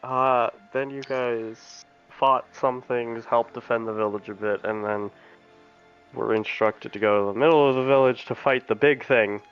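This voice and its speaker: A man narrating a tabletop game as game master, loose and profane in his recap. His voice sits at a middle pitch. The audio is dull and lo-fi, with faint music underneath. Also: fairly even intonation, unhurried, clean tone. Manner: casual, profane, laughs mid-sentence.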